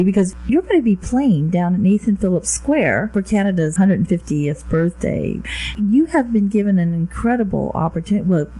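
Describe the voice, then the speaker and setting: A woman's voice: mid-range voice, warm tone, rough recording. A woman hosting a conversational radio interview in an effusive, encouraging way. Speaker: radio host.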